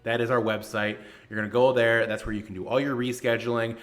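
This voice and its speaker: A man's voice: mid-range voice, flat delivery, quick pace. A man casually hosting a livestream in an echoey room, talking informally and hesitantly to his audience as he welcomes and guides them. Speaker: host of a gaming league livestream. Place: newly moved-into home or office room, indoors. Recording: echoey, roomy untreated office.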